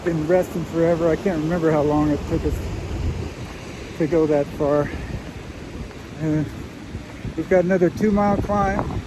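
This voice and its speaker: A man vlogging from a mountain trail while ill and weak, speaking haltingly with many fillers. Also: on the high side, steady tone, noisy background. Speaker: hiking vlogger. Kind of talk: casual trail vlog talk to camera.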